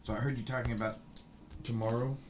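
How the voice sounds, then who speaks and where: A man's voice: mid-range voice, flat delivery, fast talker, noisy background. A man chatting casually and at length, easygoing and a little rambling. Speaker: streamer's partner. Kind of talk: casual chat.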